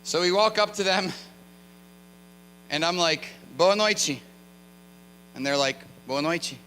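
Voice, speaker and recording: A man preaching a sermon as a guest speaker, telling a story in a casual, animated way with asides to the congregation. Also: on the high side, measured pace, big-room sound, a little hiss or hum, poor audio. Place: church sanctuary.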